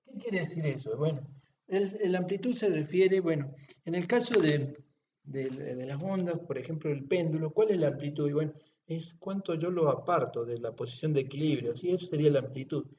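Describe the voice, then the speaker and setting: A man teaching at home, explaining patiently and checking understanding with frequent quick questions. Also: a little high, dark tone, roomy sound, a little hiss or hum. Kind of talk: classroom-style explanation. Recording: distant, dull lo-fi home recording.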